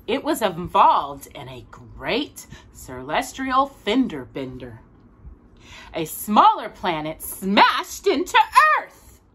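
A middle-aged woman leads a children's storytime, reading a picture book to a child in a small room with bookshelves. Her medium-pitched voice is bright and forward, and her animated, swooping delivery moves unhurriedly, with clear, emphatic stress on key words.

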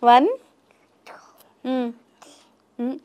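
A woman with a high voice chats playfully with a small child. She coaxes answers with teasing, sing-song questions. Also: little pitch movement, drawn-out words, clean tone, muffled recording. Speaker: interviewer.

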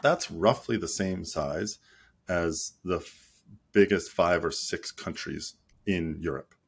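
Low-voiced man on a video call. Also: slow, slightly rough. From United States. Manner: thoughtful, many ums and restarts. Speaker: league marketing chief, guest. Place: small office at home. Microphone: headset on a video call.

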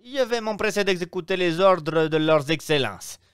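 A man reading aloud and voicing an excitable, flattering Italian innkeeper in a raised, exclamatory voice. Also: normal speed, clean tone, no echo, clean studio sound. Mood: eager. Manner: exclamatory, fawning, pitched high.

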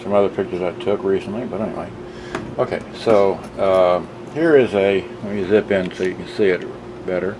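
A middle-aged gadget reviewer with a deep voice handles devices at a table indoors, demonstrating a product in a casual, rambling way as he thinks out loud. He talks fairly quickly, and the noisy room carries a steady background hum.

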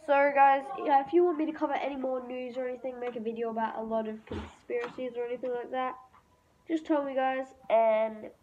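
A woman's voice: sits high, steady tone, fairly quick, a little mellow. A woman hosting a casual mobile game pack-opening video, chatting in a rambling way to her viewers. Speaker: mobile game channel host. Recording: tinny phone-like audio with faint hiss.

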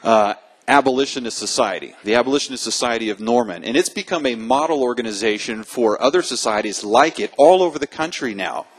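A man's voice: mid-range voice, animated, fairly quick, slightly rough, poor audio. A man introducing the next speaker to a live audience in a friendly, conversational way. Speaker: event host introducing a speaker. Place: live talk before an audience.

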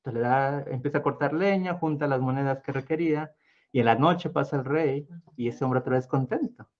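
A man's voice: mid-range voice, a little fast, highs cut off. A man telling a story casually as a guest, meandering with fillers and acting out the voices. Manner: meandering, lots of fillers and restarts, acts out voices.

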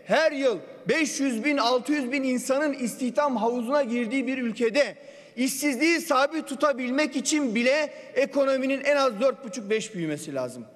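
A man's voice: extremely high pitch, expressive, normal speed. A man giving a parliamentary budget speech into a podium microphone, assertive and firing pointed rhetorical questions. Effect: speaking into a podium microphone. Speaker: member of parliament. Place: parliament general assembly hall. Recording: long reverb of a large chamber.

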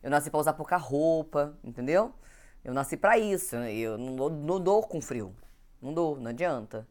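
A young Brazilian woman with a cold, a nutritionist, hosts an Instagram live from a home recording setup, chatting casually and greeting viewers by name. Her voice sits low and sounds a little mellow, with expressive delivery at a moderate pace.

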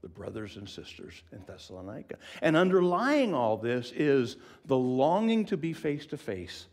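A man preaching a sermon in an expressive, conversational way, asking the listeners questions and often dropping to a whisper for emphasis. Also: mid-range voice, normal speed. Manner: conversational, asks the congregation questions.

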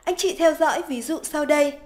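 A woman giving scripted, polite step-by-step narration for a software tutorial voice-over. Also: sits high, fairly quick. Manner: polite, even, step-by-step instructional. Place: voice-over over screen recording.

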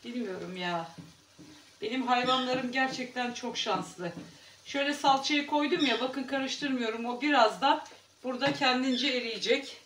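A woman chats to her viewers while she cooks at home, easy and talkative. Her voice is in the middle range and comes from a distance in an echoey kitchen. Cooking noise is clearly heard behind her. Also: sits high, normal speed, fairly bright tone. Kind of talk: casual cooking vlog chat.

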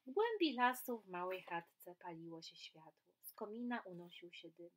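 A woman reading a children's storybook aloud in a gentle, soothing way, then talking casually about it. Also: fairly low pitch, very animated, moderate pace, low-quality recording. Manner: gentle, soothing, with filler sounds. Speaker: workshop leader. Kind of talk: storybook narration.

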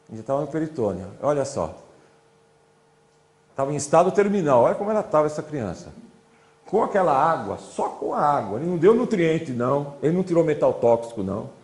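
A man gives a loose, chatty classroom lecture, walking his audience through slides. His somewhat high voice swings up and down with lively emphasis. A lecture hall echo surrounds him. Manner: chatty, repeats "olha" and "né", pointing to slides.

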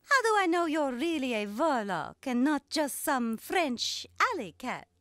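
An actress voicing a vain, flirtatious female cat who talks in a slow, purring, coy way. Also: high voice, sing-song, a bit bright, no echo, exaggerated voice. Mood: flirty.

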